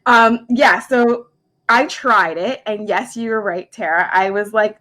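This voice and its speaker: A woman's voice: medium pitch, bright, forceful tone. Chatty woman in her forties. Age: 40s. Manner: chatty, heavy use of "like", quick asides. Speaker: makeup artist and skincare specialist hosting a live stream. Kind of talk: casual live product chat. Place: her home.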